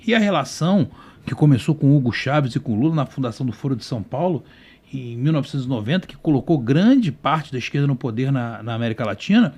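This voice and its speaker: Brazilian male debater, quick and lively, heated delivery. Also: mid-range voice, dull audio. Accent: Brazilian Portuguese. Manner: heated, rapid-fire argument. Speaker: panelist. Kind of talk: political debate talk.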